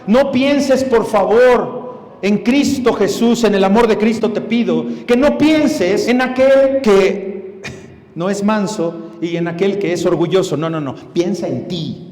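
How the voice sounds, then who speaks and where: A man's voice: high-pitched, slow pace, a little mellow. A man preaching a sermon, emphatic and speaking straight to his listeners with rhetorical questions. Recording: echoey hall.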